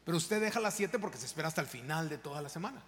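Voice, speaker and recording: A man's voice: fairly high pitch, lively intonation, rapid-fire, fairly bright tone. A man, a pastor preaching an impassioned sermon straight at his congregation in a church. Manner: impassioned, direct address to the congregation. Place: church sanctuary. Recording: long reverb of a large hall, faint background noise.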